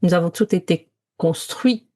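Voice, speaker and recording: In a fairly low, darkish voice and an unhurried pace, a woman from Morocco co-hosts a podcast with casual, reflective conversation. She shares personal stories, sometimes hunting for words and slipping English terms into her speech.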